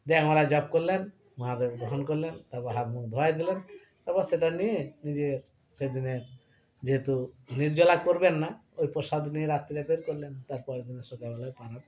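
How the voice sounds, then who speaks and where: A hoarse man teaching a devotional scripture class, who often checks that his listeners have understood and leads them in chanting. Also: on the high side, brisk, a little mellow, lo-fi sound, a little hiss or hum. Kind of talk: devotional class talk and call-and-response chanting.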